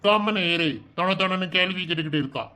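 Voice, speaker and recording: A man's voice: sits high, quick pace, bright, forceful tone, clean tone. A man voicing a bossy, threatening kidnapper in a cartoon, with a Kanyakumari Tamil accent, barking orders and threats. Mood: gruff threatening. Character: gruff male kidnapper gang, bossy and threatening. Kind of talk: cartoon voice acting.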